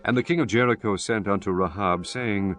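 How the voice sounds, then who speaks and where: A man's voice: lowish voice, fairly quick, a bit bright, soft background music. A man giving solemn, formal scripted narration of scripture as the narrator.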